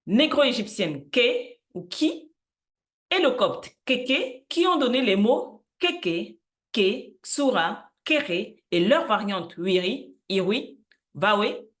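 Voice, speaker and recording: A woman presenting an educational explainer, listing words slowly and carefully, with frequent hesitations. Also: a little high. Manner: unsure of pronunciation in languages she does not speak. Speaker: channel host presenting word roots.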